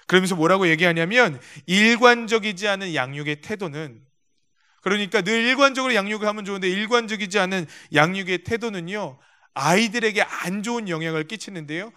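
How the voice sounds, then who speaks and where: Man, pastor, sermon, church sanctuary, high voice, bright tone. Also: clear, resonant tone. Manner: storytelling with acted-out quotes; addresses the congregation directly.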